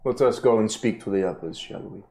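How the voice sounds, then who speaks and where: A woman's voice: rumbling low, a little fast, warm tone. A woman voicing a curt, aloof female companion in a tabletop game. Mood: cool. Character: attractive woman companion, wine-drinking and aloof.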